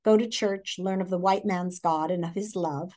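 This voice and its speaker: Sitting indoors in a living room, this middle-aged American reader performs a picture book with expression in a lowish, steady, darkish voice, now and then asking the young audience questions as a teacher would.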